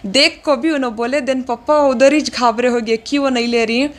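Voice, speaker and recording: A young woman telling an interviewer what happened, in a halting way with many fillers and English words mixed in. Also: high-pitched, fairly even intonation. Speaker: interviewee, daughter of the deceased. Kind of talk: recounting events in an interview.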